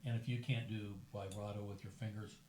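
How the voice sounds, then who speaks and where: An older man with a lowish voice leisurely tells stories at a dinner table. The room is echoey, with a faint hum behind him. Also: a little fast. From United States. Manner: storytelling, relaxed and chatty. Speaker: host. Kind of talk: casual dinner conversation.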